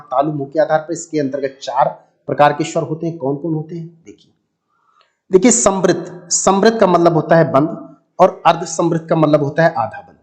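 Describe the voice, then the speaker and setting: Male grammar teacher, slightly high voice, patient repetitive explainer, sounds out vowels. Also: a little mellow. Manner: explanatory, addresses viewers as friends, repeats and drills sounds. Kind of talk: exam-prep lesson.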